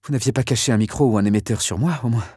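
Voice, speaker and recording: A man's voice: mid-range voice, very fast, darkish tone, slightly rough, dry recording, studio quality, natural voice. A man voicing a defiant young woman dazed from sedatives, speaking in a groggy, combative and bewildered way. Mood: dazed, confused.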